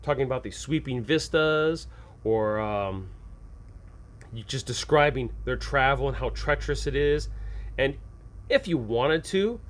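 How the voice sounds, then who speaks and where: Speaking a little slowly in a mid-range voice, this man runs an advice show about tabletop games. His tone is relaxed and eager, and he breaks into made-up scenes using homespun phrasing, growing lively as he performs examples.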